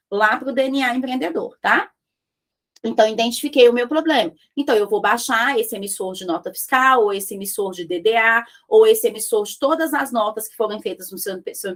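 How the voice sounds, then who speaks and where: A woman gives a business lesson in a high voice. She is lively and talks straight to her audience. Now and then she acts out short office dialogues. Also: a little fast. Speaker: business mentor.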